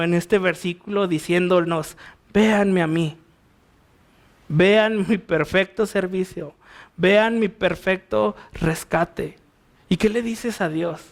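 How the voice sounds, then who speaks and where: A man with a Mexican accent gives verse-by-verse Bible teaching from the pulpit. His voice sits high for a man. He keeps a conversational tone and often turns rhetorical questions toward his listeners. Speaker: pastor.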